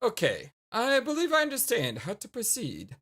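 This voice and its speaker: Woman doing a stiff, deadpan alien troll. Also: fairly high pitch, husky, exaggerated voice. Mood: dry. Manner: deadpan, formal, measured.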